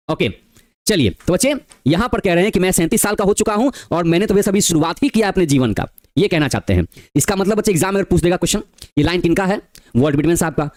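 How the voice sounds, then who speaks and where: Recorded cleanly in a studio with no room sound, a high-voiced male tutor from Bihar, India, has a darkish tone. His exam-prep lecture involves slowly reading English poems and explaining the lines in Hindi, addressing students as "bachche" and asking rhetorical questions.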